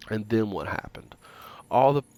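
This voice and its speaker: A man hosting a let's play, reading in-game text aloud in a casual, halting way and swearing freely between passages. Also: fairly low pitch, lively intonation, mellow. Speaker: gaming channel host.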